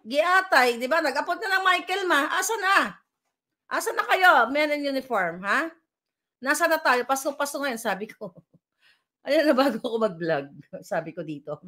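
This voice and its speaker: A woman's voice: high-pitched, expressive, moderate pace, pushed and bright. A middle-aged woman, vlogging from home with heated political commentary, firing rhetorical questions and mixing English into her talk. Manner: combative, rhetorical questions, Taglish. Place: at home indoors.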